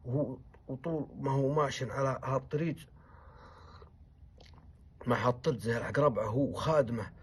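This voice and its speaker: A man, a poet telling a traditional story, acting out the characters with loud commands and low muttered asides. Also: normal speed, pauses often, slightly rough.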